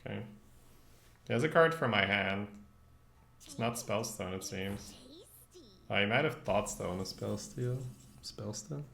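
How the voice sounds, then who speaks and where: Speaking slowly with frequent pauses and vocal fry, a young adult man with a lowish, slightly bright voice thinks aloud in slangy English while streaming his gameplay. He's a native Dutch speaker, sitting at a desk indoors with a streaming webcam. The sound carries roomy echo and faint background noise.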